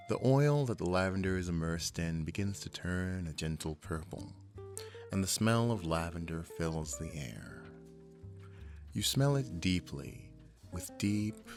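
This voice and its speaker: A man narrates an ASMR sleep story in a soothing, unhurried way, guiding the listener along. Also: deep voice.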